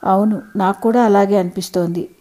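A woman's voice: medium pitch, fairly even intonation, fairly quick, warm tone, close to an everyday voice. Storybook husband in his late fifties, fond and easygoing, read by a woman narrator.

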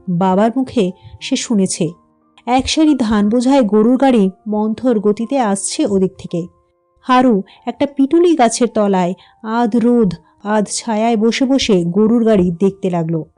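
A woman reads a classic story aloud in a calm, even manner. Her voice is fairly high yet mellow and soft-edged. Faint music plays underneath. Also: a little slow. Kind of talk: scripted story narration.

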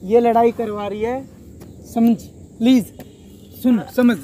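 A man's voice: very high voice, flat delivery, takes it slowly, warm tone, a little hiss or hum. A young man in a staged outdoor argument, insistently denying things and pleading to be believed. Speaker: prank video performer.

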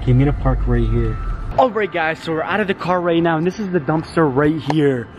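A young man hosting a vlog in casual, excitable, slangy talk, repeating his catchphrases to the camera. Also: a little high, fairly quick, highs cut off, slight background noise. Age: young adult. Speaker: vlog host. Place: inside a car at night and outdoors by it. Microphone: handheld camera at arm's length. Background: background music.

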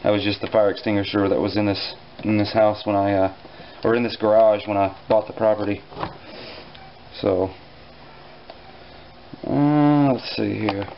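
A man casually explaining a small engine repair in his home garage, relaxed and dryly joking, with plenty of fillers as he works. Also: on the low side, unhurried, vocal fry, long pauses, dull audio, a little hiss or hum. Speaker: repair instructor. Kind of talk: casual hands-on repair tutorial.

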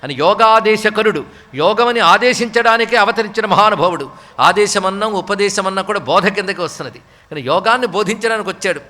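A man giving a devotional discourse, slowly reciting Sanskrit verses and then explaining them. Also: high voice, pushed and bright, in a large hall. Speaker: spiritual discourse speaker.

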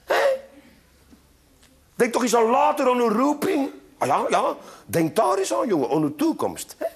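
A man's voice: very high voice, sing-song, moderate pace, breathy edge, voice pushed up, full character voice. A man with a Flemish accent voicing a worried mother who scolds and coaxes her boy. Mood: nagging. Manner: pleading, scolding, coaxing.

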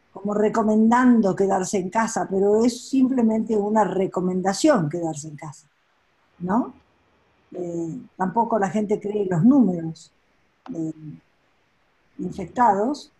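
An older woman from Argentina talks thoughtfully over a laptop webcam from a home office. Her voice is mellow and breathy, and she pauses often to gather her thoughts. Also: mid-range voice, poor audio. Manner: thoughtful, reflective, with frequent pauses and fillers. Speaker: coaching expert guest. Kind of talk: webinar conversation. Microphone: laptop webcam on a video call.

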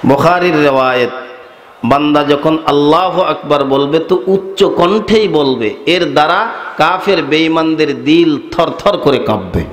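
A man from Bangladesh preaching an outdoor sermon in rhymes, chanting and shouting, calling for loud responses. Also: a little high, a little slow, echoey room, a little hiss or hum. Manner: rhyming, chanting, drawing loud call-and-response from the crowd. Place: open-air market gathering.

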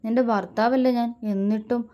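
A woman's voice: a little high, fairly even intonation, a little fast, dark tone, lightly acted. A woman voicing a playful young husband who teases his wife with mock sternness. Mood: teasing. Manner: teasing, mock-stern, demanding.

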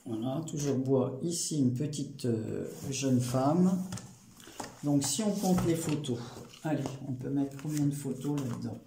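A man's voice: mid-range voice, measured pace, vocal fry, warm tone. A man casually showing a handmade photo album, hesitant, with many fillers and restarts. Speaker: crafting channel host. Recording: roomy echo with faint noise.

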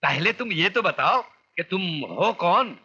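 A man's voice: high-pitched, expressive, unhurried, breathy edge, muffled recording, heavily acted. An actor playing a flustered man in a film, eager and then frantically protesting his innocence. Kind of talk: Hindi film acting. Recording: loud noisy film audio.

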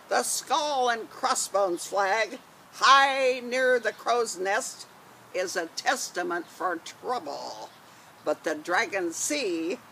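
A woman's voice: medium pitch, pushed and bright, a little hiss or hum, exaggerated voice, rough recording. An older woman voicing a boastful, hot-tempered male pirate captain with a wart and a beard, talking in growly pirate speech, outdoors in a garden. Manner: growly pirate talk, dropped words, laughs at own menace.

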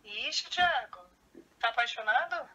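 A woman's voice: on the high side, lively intonation, unhurried, bright, forceful tone, slightly rough, poor audio. A woman talking over a phone on speakerphone from her car, blunt and impatient in casual chat. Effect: heard over a phone on speakerphone. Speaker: friend being pranked on a call. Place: in her car in a city center.

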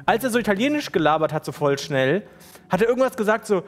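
A man from Germany, a streamer, telling a story in a slangy, animated, casual way. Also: high voice, fast talker, soft background music. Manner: slangy and animated, acts out quotes.

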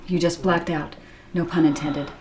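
A woman playing a soothing, sly roommate with a gentle, hushed, reassuring manner. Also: sits low, fairly even intonation, normal speed, a little hiss or hum, natural voice. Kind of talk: comedic web-series acting.

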